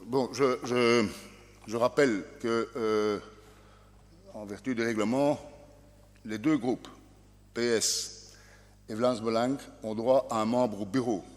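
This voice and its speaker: Man, presiding officer, formal announcer, mid-pitched, large reverberant chamber. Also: fairly even intonation, slow pace, long pauses. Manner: formal, announcing, with some hesitations. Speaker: presiding officer of a parliamentary session. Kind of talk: formal session chairing. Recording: long hall reverb.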